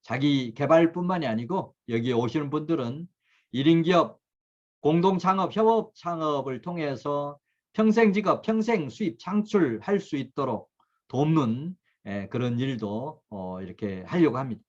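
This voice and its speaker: A middle-aged man giving an earnest self-help lecture to camera, with many pauses and fillers. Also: fairly high pitch, expressive, muffled recording.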